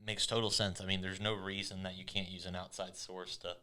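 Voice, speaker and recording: A man co-hosts a casual church video chat. His voice sits very deep. He agrees readily and chimes in with his own points. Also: little pitch movement, pushed and bright. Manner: agreeable, chiming in with quick affirmations. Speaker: church staff co-host.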